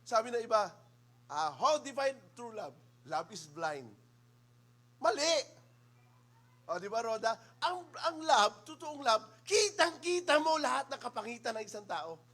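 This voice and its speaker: Filipino man, pastor preaching a lively sermon, high and animated voice, teases the congregation. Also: measured pace. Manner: lively, teasing, calls on listeners by name. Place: church.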